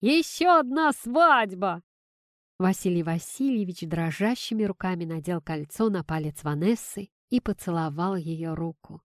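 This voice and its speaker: A woman reading a family story aloud as narrator, in an even, gentle storytelling manner. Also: on the low side, moderate pace, hardly any pauses, no echo, clean studio sound.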